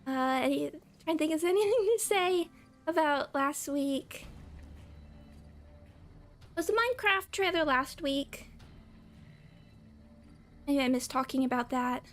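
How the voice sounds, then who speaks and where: During a gaming live stream, a young woman talks casually with her audience in a high-pitched, expressive voice, a bit slowly and with long pauses, as faint music plays behind her. A cold makes her slightly scratchy; she giggles a lot, laughs often and calls out viewers by name.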